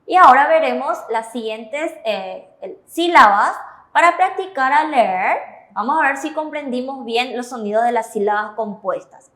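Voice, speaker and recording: A woman's voice: sits high, animated, normal speed, a bit bright, roomy sound. A woman with a Paraguayan Spanish accent co-hosting a language lesson, prompting the teacher with questions and approving answers. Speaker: Spanish-speaking co-host of a Korean lesson. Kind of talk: classroom-style explanation on a TV lesson.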